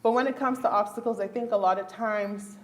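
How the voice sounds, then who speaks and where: A Bahamian woman working as a neurologist gives a brisk panel answer at a luncheon in an event hall, earnest and emphatic with frequent laughs. Her mid-range voice holds a steady tone, and slight background noise can be heard.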